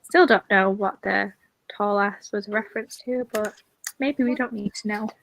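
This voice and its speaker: A woman hosting a casual livestream chat over a video call, unhurried and trailing off in thought. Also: mid-range voice, steady tone, gravelly, dry recording, low-quality recording. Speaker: host of a reading sprint stream.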